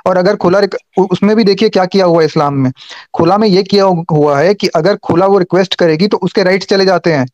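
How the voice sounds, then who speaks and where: A man's voice: sits high, fast talker, darkish tone, dry recording, highs cut off. A man in a heated online debate, insistent, arguing point by point and cutting in. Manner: insistent, interrupts, argues point by point.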